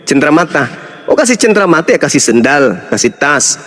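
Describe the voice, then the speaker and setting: A man's voice: on the high side, very animated, fairly quick, a bit bright. A middle-aged man, delivering a heated, mocking rebuttal and scolding the people he addresses. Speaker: Islamic apologist speaker. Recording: long reverb hall.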